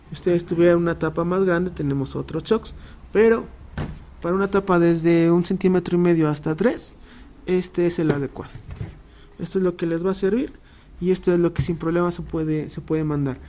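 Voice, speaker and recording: A man with a fairly high voice walks clients through how a machine works. He explains patiently but hesitantly, often pausing on filler words and restarting phrases. A faint hum of background noise sits under his voice. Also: warm tone. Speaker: machinery sales demonstrator. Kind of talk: product demonstration to clients.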